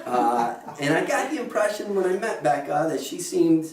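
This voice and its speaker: A man's voice: fairly high pitch, big pitch swings, normal speed, darkish tone, a little hiss or hum. A middle-aged man, the groom's father, officiating a wedding and telling joking stories with frequent chuckles. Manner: joking, anecdotal, often chuckling. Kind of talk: wedding speech. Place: wedding venue. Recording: roomy and distant with faint ambience.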